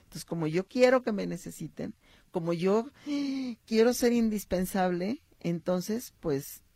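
A middle-aged woman with a Mexican accent talks about motherhood, her voice thick with gravelly fry. Her tone is dark and mellow, recorded dry and close. She tells little stories and briefly acts out the people in them. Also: on the low side, measured pace, no echo. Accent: Mexican Spanish. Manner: warm storytelling, acts out short quotes, addresses listeners. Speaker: psychologist and talk host. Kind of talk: reflective talk on motherhood and stories.

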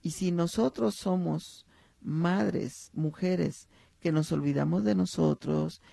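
Gravelly-voiced Mexican woman, mellow and dry. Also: on the low side, slow, no room sound. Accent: Mexican Spanish. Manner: warm storytelling, acts out short quotes, addresses listeners. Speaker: psychologist and talk host. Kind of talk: reflective talk on motherhood and stories.

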